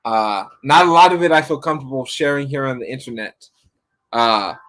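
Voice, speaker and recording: A man's voice: mid-range voice, a bit bright, rough recording. A man giving a casual, rambling live-stream reading, talking to his viewers by name. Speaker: online rune reader.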